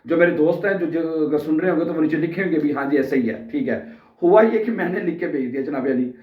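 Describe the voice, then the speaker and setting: Guy, kinda high voice, earnest vlog storytelling, sounds far off in an echoey room, dull audio. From Pakistan. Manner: earnest, addresses viewers directly, keeps adding "okay" checks. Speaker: language vlogger. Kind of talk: casual personal storytelling to camera. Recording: roomy, distant, dull mic sound.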